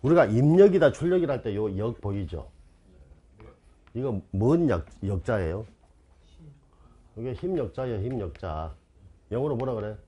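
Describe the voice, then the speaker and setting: A man's voice: mid-range voice, expressive, moderate pace, pauses often, warm tone, slightly rough, highs cut off. A man giving an online exam-prep lecture, quizzing his students with constant rhetorical questions and insistently repeating key terms.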